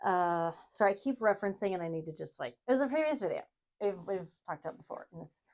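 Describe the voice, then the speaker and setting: While sewing, a woman hosts a crafting video and casually brainstorms, rambling in a giggly, self-deprecating way as she works. She talks fast in a lowish, darkish voice with lively intonation.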